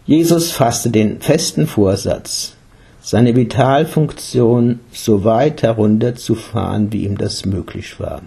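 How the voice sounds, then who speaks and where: A man reading an audiobook with a husky, slightly breathy voice at a medium pitch. His delivery is calm, measured and unhurried, keeping an even storytelling flow. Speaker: narrator. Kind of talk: audiobook narration.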